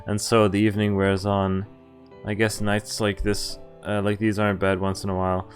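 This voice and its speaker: This young male streamer reads a visual novel's text aloud at a moderate pace, his fairly low voice completely flat. Game music plays as he reacts with casual, amused commentary and some swearing.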